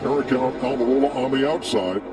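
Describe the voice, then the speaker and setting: A man calling a car race live as play-by-play announcer, briskly rattling off driver names. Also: medium pitch, distant mic.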